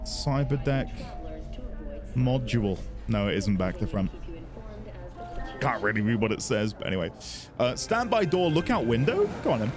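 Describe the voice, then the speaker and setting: A man's voice: mid-range voice, big pitch swings, normal speed, pauses often. A man giving casual, musing gameplay commentary as a let's play host, chatty and prone to mild swearing. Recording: game music behind the voice.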